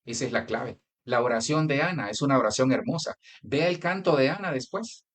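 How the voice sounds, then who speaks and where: A man's voice: medium pitch, fairly quick, a bit bright. A man from Colombia preaching a sermon with a Colombian Spanish accent, talking straight to the congregation and breaking into personal anecdotes. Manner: conversational preaching with anecdotes and direct address. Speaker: pastor.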